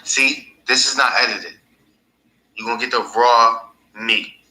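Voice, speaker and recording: A man's voice: medium pitch, fairly even intonation, a little slow, pushed and bright. A man hosting his own podcast in a casual, rambling monologue, laughing at his own stories. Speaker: podcast host. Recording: echoey room.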